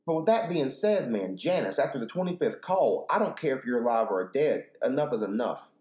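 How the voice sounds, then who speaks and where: A man's voice: medium pitch, big pitch swings, fairly quick, a little mellow. A man hosting his podcast in a casual, rambling way, slangy and profane, a little tipsy from drinks. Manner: laid-back, slangy and profane, full of "dude" and "bro". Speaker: podcast host.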